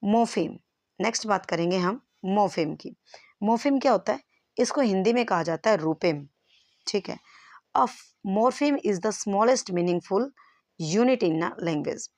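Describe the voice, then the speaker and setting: A woman's voice: medium pitch, lively intonation, takes it slowly, darkish tone, no room sound, clean studio sound. Woman teacher explaining step by step. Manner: explains step by step, checks in with "clear?". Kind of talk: exam-prep lesson.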